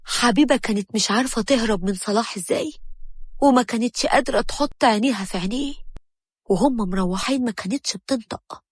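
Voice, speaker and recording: A woman's voice: fairly high pitch, quick pace, breathy edge, no echo, clean studio sound. Egyptian woman narrating a story.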